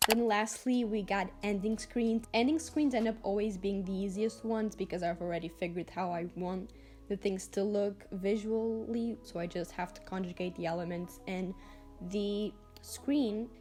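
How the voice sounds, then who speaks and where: A woman's voice: medium pitch, steady tone, normal speed, dark tone, faint music behind. A teenage girl talking casually as a vlogger about her design work, chatty and full of "like" fillers. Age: teens. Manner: chatty, lots of "like" fillers, gushing. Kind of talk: casual vlog talk over screen recording.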